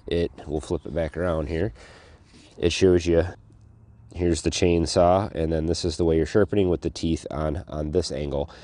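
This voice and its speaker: A man's voice: low-pitched, warm tone. A man hosting a homestead channel, explaining a tool outdoors in a casual, rambling way full of restarts and fillers. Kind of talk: casual hands-on tool demonstration. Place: outdoors on a farm.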